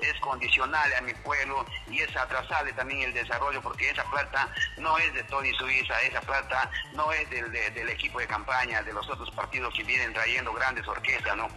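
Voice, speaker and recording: A man's voice: medium pitch, fairly even intonation, a little fast, hardly any pauses, sharp tone, soft background music, poor audio. A man running for local office, answering a radio interviewer with campaign talk and often addressing the host as his esteemed friend. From Peru. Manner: repeats a stock address to the interviewer. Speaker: local election candidate.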